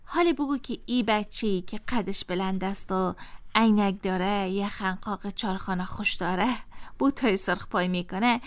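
A woman hosting a children's radio show, talking in a gentle, coaxing, playful way. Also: mid-range voice.

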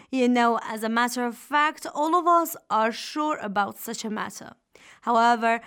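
A woman's voice: on the high side, a bit bright. A woman hosting a religious radio talk in a formal, teacherly manner. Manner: formal, didactic. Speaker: radio host.

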